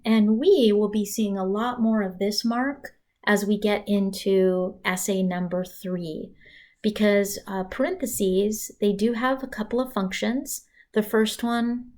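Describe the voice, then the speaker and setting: Woman giving a chatty writing lecture. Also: medium pitch. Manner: conversational, asides and dramatic pauses for emphasis. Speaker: writing instructor. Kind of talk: recorded slide lecture.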